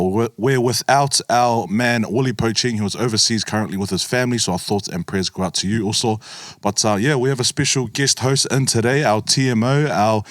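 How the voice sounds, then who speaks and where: A man's voice: mid-range voice, a bit bright, no echo, studio quality. A New Zealand man hosting a podcast in a laid-back way, calling his guest bro and man. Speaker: podcast host.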